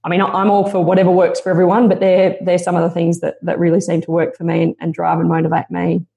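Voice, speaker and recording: A woman's voice: fairly low pitch, completely flat delivery, fast, gravelly, mellow. A woman guest on a podcast interview, speaking in an earnest, motivational and reflective way.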